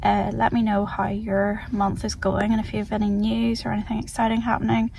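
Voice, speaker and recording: A woman's voice: medium pitch, monotone, fairly quick, vocal fry, a little mellow. A woman with a Northern Irish accent chatting casually and informally as a vlogger, thinking aloud in a rambling way. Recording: faint ambient background noise.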